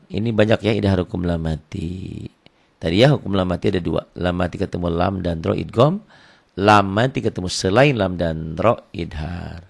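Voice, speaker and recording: Gravelly low-voiced man teaching. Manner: explains rules plainly, then chants verses slowly and loudly. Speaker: Quran recitation teacher. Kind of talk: online tajwid lesson.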